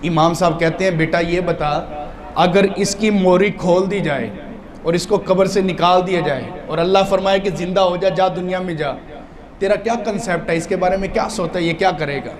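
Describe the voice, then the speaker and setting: A male preacher from Pakistan giving a sermon, moving from low, hushed storytelling to loud, impassioned shouting. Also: fairly even intonation, a crowd in the background. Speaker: khatib, mosque preacher.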